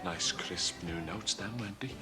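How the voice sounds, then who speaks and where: A man's voice: low-pitched, normal speed, over loud music, close to an everyday voice. An actor playing a sly, suspicious working-class man with a Liverpool accent who keeps pressing with insinuating questions. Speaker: neighbour needling a suspect. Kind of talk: TV soap acting.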